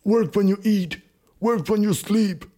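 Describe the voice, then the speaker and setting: A man mocking an intense male motivational speaker with a preachy, drawn-out, emphatic delivery. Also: high voice, warm tone, voice pushed up. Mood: fired up.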